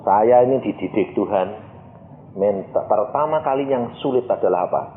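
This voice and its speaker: A middle-aged preacher, delivering a sermon and acting out dialogues, swinging from quiet to loud. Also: male voice, on the low side, moderate pace, slight background noise. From Indonesia. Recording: tinny, echoey church PA recording.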